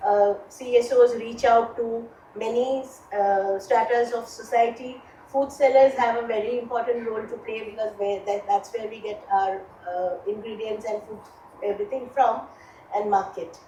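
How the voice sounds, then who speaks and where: Woman giving a project talk, kinda high but mellow voice, halting with lots of uhs, far from the mic in an echoey room. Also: fairly even intonation. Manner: hesitant, many fillers. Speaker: course participant presenting. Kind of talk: group project presentation. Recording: echoey room, distant mic, faint noise.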